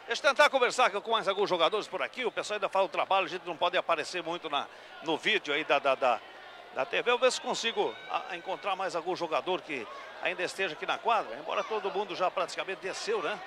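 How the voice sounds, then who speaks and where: Fast, high-voiced court reporter. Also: male voice. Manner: rambling, filler-heavy live chatter. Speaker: radio sideline reporter. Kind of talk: live post-match radio interviewing. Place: futsal gym court after a match. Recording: noisy live gym broadcast.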